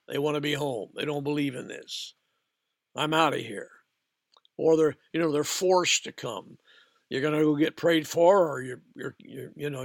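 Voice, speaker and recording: A man preaching a sermon, retelling scripture stories in a measured, animated way. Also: on the high side, vocal fry, dry recording, clean studio sound.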